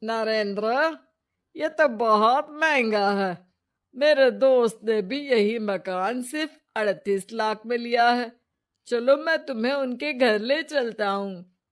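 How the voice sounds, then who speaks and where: A woman voicing a blunt middle-aged brother-in-law in a storybook tale, talking loudly. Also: fairly high pitch, slow pace.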